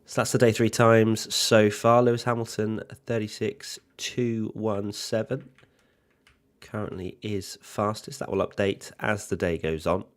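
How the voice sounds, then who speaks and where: A man's voice: fairly low pitch, level tone, unhurried. A man hosting a motorsport livestream, giving casual commentary and informally talking himself through tasks with dry teasing. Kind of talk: casual live commentary and chat.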